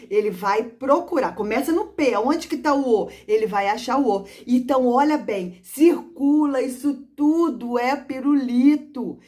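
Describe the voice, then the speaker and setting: A woman's voice: a little high, darkish tone. Woman teacher coaching fellow teachers. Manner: demonstrative, sings and acts out classroom prompts; addresses listeners as "gente". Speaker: literacy teacher.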